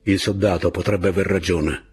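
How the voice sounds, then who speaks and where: A man playing a calm, weary young lieutenant who speaks in a measured, doubtful way in an audiobook reading. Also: sits low, husky.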